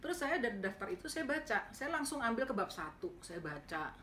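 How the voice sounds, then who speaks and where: A middle-aged woman lecturer, telling a story to her students in a casual, animated way and acting out the dialogue with sudden pitch jumps. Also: fairly quick, slight background noise. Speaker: university lecturer.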